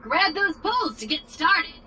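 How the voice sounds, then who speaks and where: Game NPC: a chirpy cheerful robot host, high bright voice that bounces all over. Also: female voice, very animated, a little slow, a little hiss or hum, full character voice. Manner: bubbly, upbeat, calls player "human". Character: chirpy cheerful female vacation robot guide.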